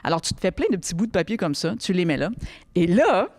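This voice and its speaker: A young woman with a Quebec French accent giving a casual, lively talk to teenagers, often checking in with the listener. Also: lowish voice, quick pace, no room sound. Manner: lively, chatty, addresses the listener directly with frequent checks. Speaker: workshop host speaking to teens. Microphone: close microphone, podcast recording.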